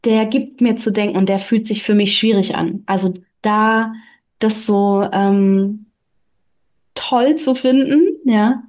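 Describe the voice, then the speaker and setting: Woman reader and host, mid pitch, reflective and halting in discussion. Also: a little mellow. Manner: reflective, many fillers. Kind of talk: reading a story aloud, then discussing it.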